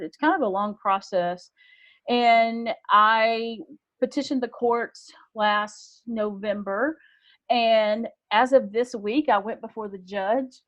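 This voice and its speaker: Excited woman telling a story, lo-fi. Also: fairly high pitch. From Texas. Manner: animated, excitable storyteller acting out quotes. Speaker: podcast co-host. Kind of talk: casual storytelling chat. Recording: dull lo-fi sound.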